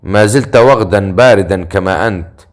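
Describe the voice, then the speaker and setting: A self-assured male hero in an audiobook fantasy tale, dry and sarcastic in every exchange, as a male narrator voices him. His voice is low and composed. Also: expressive, fairly quick, close to an everyday voice. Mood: wry. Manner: sarcastic, dryly teasing.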